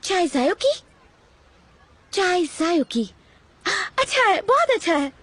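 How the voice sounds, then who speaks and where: A woman's voice: very high-pitched, expressive, normal speed. A woman dubbing a naive, literal alien girl. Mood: earnest. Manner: formal, oddly literal phrasing. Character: naive young female alien, literal and cheerful. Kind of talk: Hindi dub of a series.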